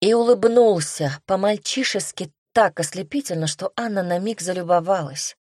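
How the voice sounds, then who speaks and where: A woman narrating a novel as an audiobook, reading in an even, measured way. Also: mid-range voice, no echo, clean studio sound. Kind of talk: storybook narration.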